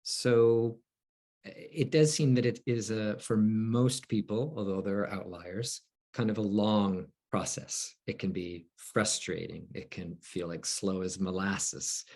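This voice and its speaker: Male host, low husky voice, very slow halting questions. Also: steady tone, darkish tone. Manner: halting, many fillers, thoughtful questions. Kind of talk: moderating a roundtable.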